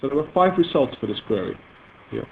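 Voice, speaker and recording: Over tinny, lo-fi, phone-like audio with faint noise, a Dutch man from the Netherlands presents software, demonstrating database queries in a live technical demo. His medium-pitched voice is sing-song and creaky, and his explanations are halting, filler-heavy, and self-correcting.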